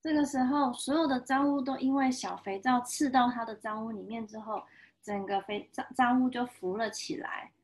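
A woman in her thirties with a Taiwanese Mandarin accent, reading a picture book aloud to a child with lively sound effects and voices. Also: on the high side, moderate pace, breathy edge. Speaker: storyteller reading picture books live.

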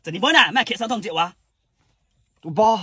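A man with a Teochew accent playing an excitable, teasing husband in a comic couple sketch. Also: high-pitched, fairly quick, slightly rough, dry recording. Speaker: husband in a comedy skit.

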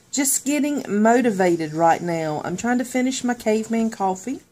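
Slow-talking woman vlogger. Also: on the high side, expressive, a little mellow. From southern United States. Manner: chatty, laughs often, says "y'all". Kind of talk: casual chat to camera. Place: in a car, then at home indoors. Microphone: phone camera at arm's length.

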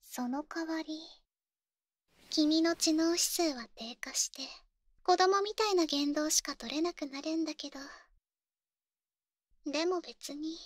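Woman acting a very high-voiced, softly menacing sorceress, ASMR role-play. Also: a little slow, pauses often, no room sound, studio quality. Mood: smugly menacing. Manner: softly menacing, coaxing, possessive, babying. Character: possessive female wizard, coddling and controlling caretaker. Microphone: close, dry studio microphone.

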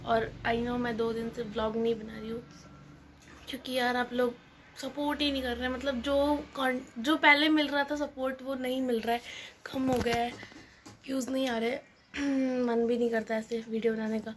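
Indoors at home, a young woman in her twenties does a casual vlog voice-over about her day, chatting and grumbling playfully despite a slightly sore throat. Her voice is a little high with little pitch movement, at normal speed, over a faint hiss or hum.

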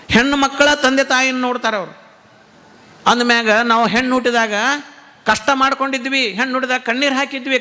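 A man with a North Karnataka Kannada accent delivers a sermon in a very high, bright, forceful voice. He hammers his points home with repeated rhetorical questions, and his voice rings out with a long hall reverb. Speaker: religious teacher giving a discourse.

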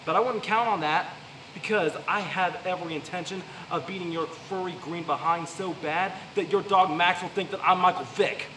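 A man's voice: sits high, normal speed, pushed and bright. A young American man delivering a theatrical wrestling promo full of cocky trash talk. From the Carolinas, United States. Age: young adult. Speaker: wrestler persona cutting a promo. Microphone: handheld microphone, filmed by camera. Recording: roomy, distant, clearly noisy sound.

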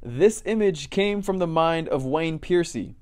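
A man reporting a local news story with a measured, polished delivery. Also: a little high, clear, resonant tone, no room sound.

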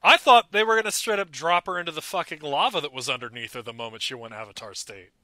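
A young man co-hosting a podcast, chatting excitedly about a cartoon and breaking into mock voices. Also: a little high, fast talker, no room sound. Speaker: podcast co-host. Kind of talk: casual chat about a cartoon.

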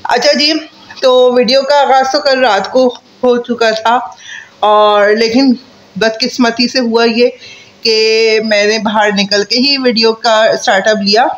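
A woman's voice: fairly high pitch, dull audio. A woman from Pakistan, talking through cloth as she chats in a casual vlog intro and pleads with viewers to comment and subscribe. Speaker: food vlogger.

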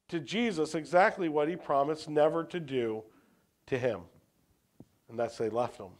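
A man preaching a sermon as a pastor, posing rhetorical questions and swinging between emphatic lines and hushed ones. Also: high voice.

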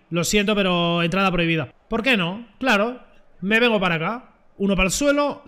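A young man giving excitable, joking commentary over his own football video game match. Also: sits high. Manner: excitable, joking, shouts at plays. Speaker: gaming streamer. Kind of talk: live gameplay commentary.

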